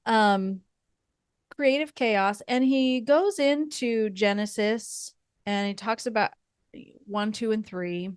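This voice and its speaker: Slow, unhurried woman podcast host. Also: mid-range voice, clear, resonant tone, no room sound, studio quality. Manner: thoughtful, meandering, with fillers and soft laughs. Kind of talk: casual faith podcast chat.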